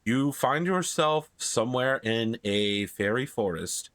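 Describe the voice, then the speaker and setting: Bright-voiced man running a tabletop game. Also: mid-range voice, lively intonation, takes it slowly, no echo. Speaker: game master. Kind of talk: narrating a tabletop role-playing game.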